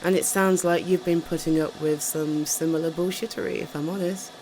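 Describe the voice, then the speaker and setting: A woman's voice: deep voice, steady tone, fairly quick, a little mellow, a little hiss or hum, lightly acted, low-quality recording. A woman with a British accent playing a caring, tired girlfriend home from the office, talking in a soothing, chatty, hesitant way in an intimate ASMR roleplay. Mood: wry, resigned.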